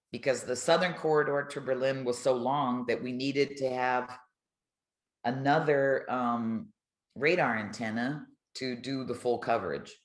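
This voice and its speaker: A rumbling low voice with a roomy sound belongs to an older woman guesting on a podcast. A retired air traffic controller, she chats and tells stories in a colloquial, casual interview.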